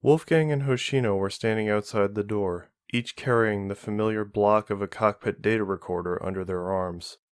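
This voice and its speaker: A man narrating fan fiction in a steady, measured reading. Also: fairly low pitch, clear, resonant tone, dry recording, studio quality. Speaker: audiobook reader.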